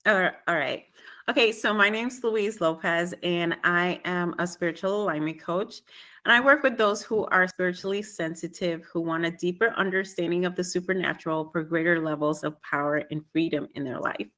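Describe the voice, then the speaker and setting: Bright-voiced woman coach from Trinidad. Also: fairly low pitch. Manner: measured, explaining with frequent ums. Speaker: spiritual alignment coach. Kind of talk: podcast guest interview.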